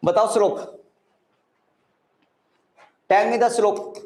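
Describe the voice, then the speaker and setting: A man with an Indian accent teaches an interactive online physics class, blending Hindi words into his English, repeating phrases and often asking whether students follow. His voice sits high with fairly even intonation, a slow pace and a darkish tone. The room sounds echoey.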